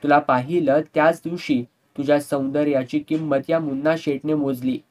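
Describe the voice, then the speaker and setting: A man's voice: a little high, fairly even intonation, moderate pace, darkish tone, close to an everyday voice. A man voicing a leering, drunken rich villain who mocks and sneers and slips into Hindi couplets. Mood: menacing.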